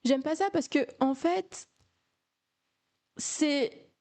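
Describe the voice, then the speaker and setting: A woman's voice: high-pitched, extremely slow, darkish tone. A young woman from France telling a casual storytime, chatty, with many fillers and repeated words.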